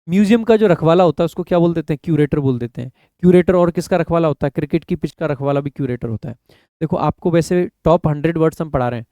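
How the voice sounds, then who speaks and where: A man teaching exam vocabulary online, explaining in Hindi and reading English definitions slowly, letting his voice sink at phrase ends. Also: dark tone, no room sound. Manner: drops pitch and volume at the ends of phrases; addresses viewers as "mere bhai".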